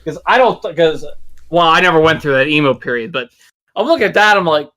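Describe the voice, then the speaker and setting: A man with a bright, slightly high voice, talking in a loose, rambling way. He is blunt and swears often in a casual podcast chat with friends. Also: animated, brisk. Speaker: podcast co-host.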